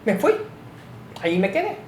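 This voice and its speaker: Older lady w/ telling old stories, trips over her words, echoey room. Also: very animated. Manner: halting, restarts sentences, laughs at memories. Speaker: interviewee. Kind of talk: reminiscing storytelling. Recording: roomy echo, faint rumble.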